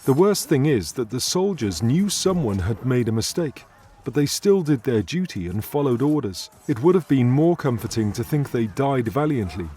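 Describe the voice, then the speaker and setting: A man, delivering a scripted poetry tutorial in a measured, earnest way. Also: medium pitch, dark tone, breathy edge. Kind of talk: scripted educational narration.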